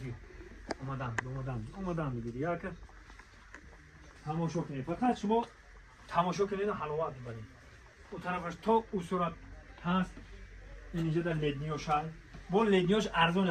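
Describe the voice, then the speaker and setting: On a walk-through of a large clothing shop, a Tajik-accented man with a voice on the high side improvises sales patter like a bazaar merchant, calling out again and again for people to come, look and buy. The low-quality recording picks up a busy crowd all around him.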